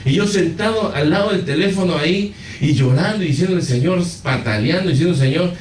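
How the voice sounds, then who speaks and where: Animated man preaching in an echoey hall. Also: fairly high pitch, fairly quick, slight background noise. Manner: animated storytelling with direct address to the congregation. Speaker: pastor. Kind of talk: sermon. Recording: echoey hall, far from the mic.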